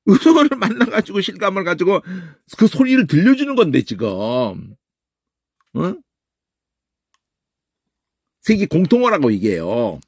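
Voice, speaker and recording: A man teaching a Bible study lecture in an animated way, who keeps tossing in questioning "eh?" tags. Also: high-pitched, a little slow, pauses often, no room sound, studio quality.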